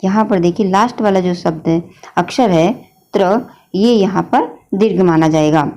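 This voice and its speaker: A woman's voice: fairly low pitch, normal speed, dark tone. A woman teacher explaining a grammar lesson patiently, often addressing her students as children. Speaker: Hindi teacher.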